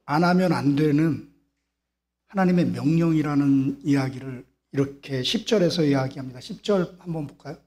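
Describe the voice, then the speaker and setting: In a church sanctuary, a male pastor delivers a sermon, driving his message home through repetition and rhetorical questions. His voice sits on the high side with a darkish tone, and he speaks at a normal speed.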